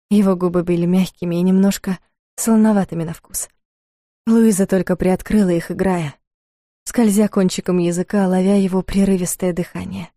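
Mellow-voiced woman reading an audiobook. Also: on the low side, no room sound, clean studio sound. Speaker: audiobook narrator. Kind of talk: scripted audiobook narration.

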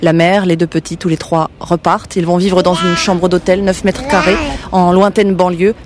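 A woman radio reporter narrating a scripted news story in a measured, narrative way. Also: lowish voice, little pitch movement, a crowd in the background.

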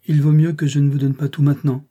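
Male narrator doing wealthy teasing gentleman, audiobook, mellow raspy tone. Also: a little high, flat delivery, fast, lo-fi sound, voice pushed up. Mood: brusque. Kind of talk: audiobook reading.

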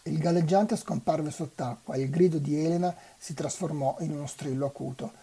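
A volunteer reader reading a novel aloud for a web radio reading marathon, in an unhurried, even way. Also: medium pitch, breathy edge.

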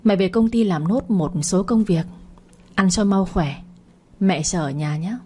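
A woman reading the part of a scheming, cruel middle-aged stepmother, speaking with quiet, cutting spite. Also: mid-range voice, measured pace, slightly rough. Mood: fake sweetness.

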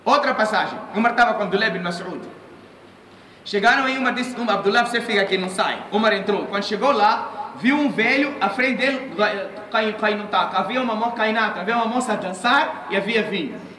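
High, bright-voiced man preaching. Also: a little fast. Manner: animated storytelling, acting out quoted voices. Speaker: Islamic preacher. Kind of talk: sermon. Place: mosque. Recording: echoey room, mic at a distance.

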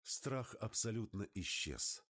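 A man giving an expressive first-person narration of an adventure story as an audiobook. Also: lowish voice, slow, slightly rough.

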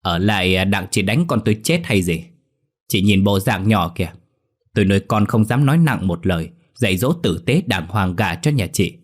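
A man reading as an outraged older landowner father who hurls blunt, scolding accusations. The voice is low and husky, grows louder as the anger builds, and has the feel of a spoken horror tale. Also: expressive, moderate pace. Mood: indignant. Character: angry older rich father, blunt and indignant.

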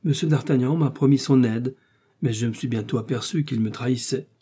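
A man's voice: fairly quick, warm tone, slightly rough, natural voice. A man voicing a frightened, anxious middle-aged shopkeeper who pleads and protests in a storybook reading. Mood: pleading. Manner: pleading, protesting, rising pitch.

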